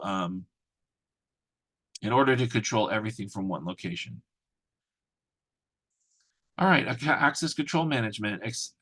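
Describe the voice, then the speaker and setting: A man's voice: mid-range voice, a bit bright, dry recording. A man explaining things informally as a trainer in a corporate training video, instructing the listener directly with practical examples. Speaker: cybersecurity compliance trainer.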